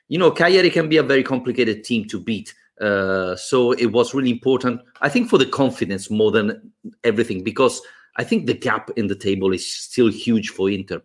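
An Italian-accented man talks football on a podcast in a measured, thoughtful way, with pauses as he works out his points. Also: medium pitch. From Italy. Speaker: podcast co-host. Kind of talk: football analysis chat.

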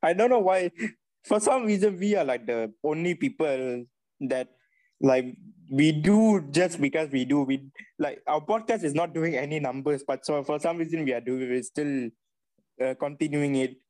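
A man's voice: a little high, normal speed, darkish tone. A young man, co-hosting a casual podcast chat, laughing often and mixing in Malay words. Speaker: podcast co-host.

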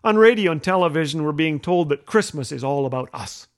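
A man from Canada hosting a radio show, telling humorous stories in a gentle, wry way. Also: fairly high pitch, animated, a little fast. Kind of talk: humorous scripted storytelling. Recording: faint music underneath.

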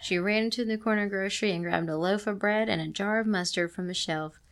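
A woman with an ordinary, middle-pitched voice reads an old story aloud on her show. She keeps breaking in with playful, sarcastic asides, in a loose, joking way of talking. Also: brisk, a bit bright. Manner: playful, adds sarcastic comments to the text. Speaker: podcast host reading stories aloud.

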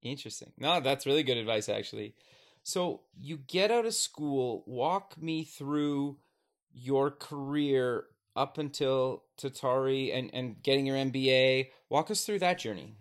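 A man's voice: mid-range voice, lively intonation, a little slow. A man hosting an interview show, upbeat, asking questions and dropping short interjections. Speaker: show host. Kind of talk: casual interview talk and read sponsor ad.

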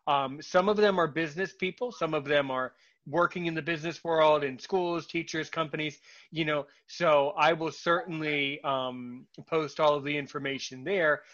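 Halting, bright-voiced male podcast host. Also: on the high side, steady tone, dull audio. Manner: halting, repeats words, many fillers. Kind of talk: casual podcast talk.

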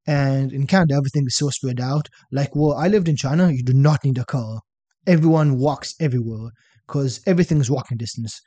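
In a laid-back podcast conversation, a young fitness coach from Israel recounts stories in his Israeli accent, frequently ending remarks with "right?" The voice is mid-range and a little fast, and the recording is dry.

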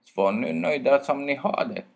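A man's voice: mid-range voice, vocal fry, voice pushed up. A man voicing a wise and kind male owl who stammers when startled awake. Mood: kindly advising.

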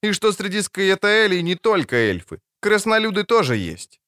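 A man's voice: high-pitched, very animated, normal speed, sharp tone, clear, resonant tone, voice pushed up, exaggerated voice. A man voicing a cheeky young girl in an audiobook, pert and teasing. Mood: curious. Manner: pert, sing-song teasing. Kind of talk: audiobook character voice.

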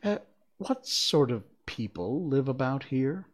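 A man's voice: medium pitch, sing-song, slow pace. A man voicing a polite, curious young girl who is a little timid, in a raised, prim and careful voice. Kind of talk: storybook reading.

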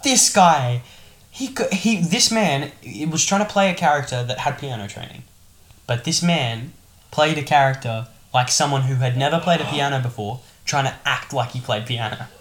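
A man's voice: mid-range voice, normal speed, fairly bright tone. A man, co-hosting a casual film review podcast, blunt and opinionated, with some swearing. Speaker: podcast co-host. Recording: echoey room.

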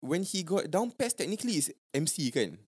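Animated young singaporean guy, bit high pitched, slangy malay english, just chatting. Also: brisk, slightly rough. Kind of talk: casual group chat.

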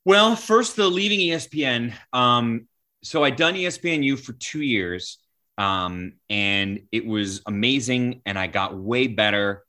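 A man in his forties, a sports broadcaster, telling stories in a podcast interview, animated and full of restarts. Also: mid-range voice, unhurried. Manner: animated, acts out quoted voices, many restarts.

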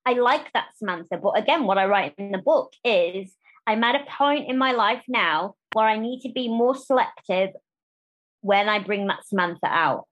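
A woman speaking candidly as a podcast interview guest, animated and quick to restart phrases and act out what others say. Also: medium pitch, muffled recording. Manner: animated, restarts phrases, acts out quoted voices.

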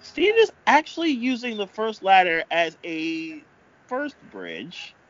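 A man giving improvised amateur wrestling commentary, speaking haltingly and often repeating himself. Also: high voice, wildly swooping pitch, a bit bright, lo-fi sound.

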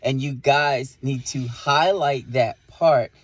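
A man's voice: medium pitch, slow pace, no echo. A man co-hosting a podcast, talking casually and emphatically about relationships, with lots of rhetorical questions. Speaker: podcast co-host.

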